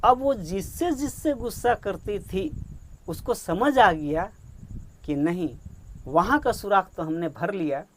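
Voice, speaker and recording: A man with a fairly high voice tells a moral story slowly and earnestly, acting out the lines of the people in it. Faint crickets and insects chirp behind him. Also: animated, fairly bright tone, slight background noise. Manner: slow, earnest storytelling with quoted dialogue. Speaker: storyteller giving parenting advice. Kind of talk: storytelling narration.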